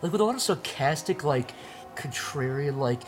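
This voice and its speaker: A man's voice: fairly high pitch, lively intonation, moderate pace, over music. A man chatting casually with friends, riffing in a crude, joking way. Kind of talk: casual chat.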